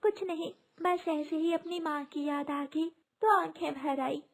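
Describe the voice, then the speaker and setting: A woman voicing a meek, newly married young female sparrow in a cartoon, gentle and pleading. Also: high-pitched, steady tone, a little slow, pitched above the performer's own voice.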